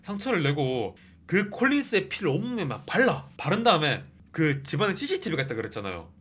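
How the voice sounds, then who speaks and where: A man hosting a movie review channel, recapping a plot in a casual, animated way and often tossing in a questioning "eh?". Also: a little high, brisk, husky. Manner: animated, keeps adding a questioning "eh?".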